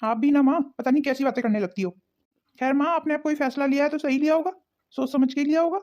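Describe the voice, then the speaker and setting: A woman voicing a calm adult son in a cartoon, gentle and reasoning. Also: high voice, fast, muffled recording, natural voice. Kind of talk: cartoon voice acting.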